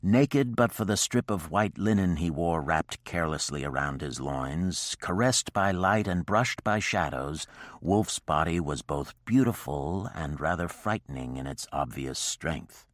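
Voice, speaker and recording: A man narrating a historical romance audiobook in a steady, even storytelling manner. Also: deep voice, a little slow, no room sound, studio quality.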